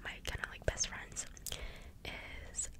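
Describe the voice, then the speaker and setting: A young adult speaks in a soft, breathy ASMR whisper, rambling casually through everyday stories and drifting into tangents. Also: slow. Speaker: ASMR video creator.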